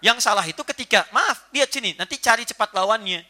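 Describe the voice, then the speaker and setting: A man preaching to a gathered audience, his voice rising high and swinging widely in pitch. His tone is very bright and sharp. He is playful and acts out small everyday scenes as he talks. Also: fast. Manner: animated, playful, acts out little household scenes. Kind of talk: religious lecture to a live audience.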